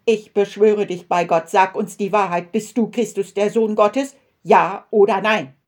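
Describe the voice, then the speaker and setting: Bible storybook high priest, stern and loud, commanding, a woman puts him on. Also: normal speed, lightly acted. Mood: solemn.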